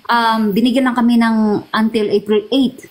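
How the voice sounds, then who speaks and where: A middle-aged woman from the Philippines giving an emotional personal testimony as an interview guest, pausing, repeating and restarting her words. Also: a little high, steady tone, poor audio. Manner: halting, repeats and restarts words, mixes Tagalog and English.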